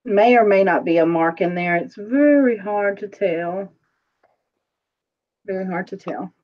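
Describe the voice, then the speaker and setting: Chatty woman on a muffled stream. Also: mid-range voice. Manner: chatty, rambling, quick to laugh. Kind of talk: casual live-stream chat.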